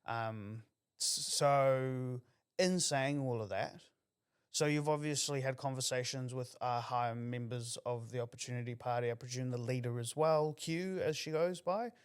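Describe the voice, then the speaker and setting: A man's voice: medium pitch, normal speed, clean tone. A man with a New Zealand accent hosting an interview, asking long, rambling questions in a chatty way. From Auckland, New Zealand. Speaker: podcast host. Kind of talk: casual interview.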